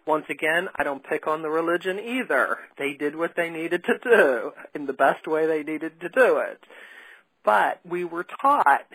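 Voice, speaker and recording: A woman's voice: sits low, expressive, unhurried, fairly bright tone, husky, no echo, low-quality recording. A woman hosting a spiritual podcast interview, talking in an earnest, emphatic way. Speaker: podcast host.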